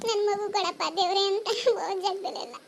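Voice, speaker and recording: A woman's voice: extremely high pitch, fairly even intonation, quick pace, vocal fry, a little hiss or hum. A woman voicing an aging mother in a cartoon story, emotional and pleading, who scolds her daughter-in-law. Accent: Kannada. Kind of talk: cartoon dubbing.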